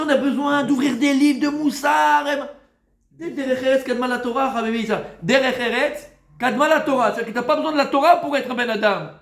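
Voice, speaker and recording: A man, a rabbi, giving an informal Talmud lesson to a live group, familiar and teasing with his listeners, moving between loud urging and soft coaxing. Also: very high voice. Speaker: rabbi teaching a Torah class. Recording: echoey room.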